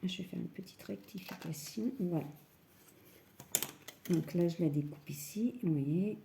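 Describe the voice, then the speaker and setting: A woman calmly guiding a scrapbooking tutorial step by step, working standing up. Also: lowish voice, unhurried, vocal fry, a little hiss or hum. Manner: calm step-by-step, often says "voilà". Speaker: scrapbooking crafter. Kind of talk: crafting tutorial.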